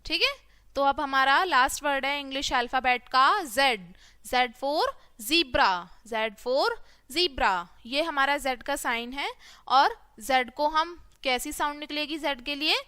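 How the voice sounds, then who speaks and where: High, bright-voiced woman teaching phonics. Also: no room sound. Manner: asks questions and answers them herself, drawn-out letter sounds. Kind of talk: children's phonics lesson.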